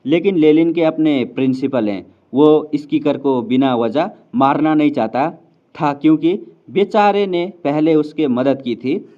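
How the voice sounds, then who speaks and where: A man's voice: on the high side, unhurried. A man casually narrating a fantasy novel recap, chatty and addressing viewers as friends. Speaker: storyteller explaining a novel. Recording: slightly dull lo-fi sound.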